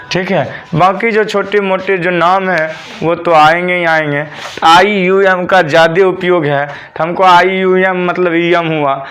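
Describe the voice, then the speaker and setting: A man's voice: high voice, a bit bright. A male teacher, giving a classroom lesson and drilling students with repeated questions for them to answer back.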